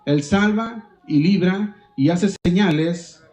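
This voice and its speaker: A man's voice: high voice, slow pace, a little mellow, poor audio. A male pastor preaching a sermon, reading scripture aloud and stopping to quiz the congregation with questions.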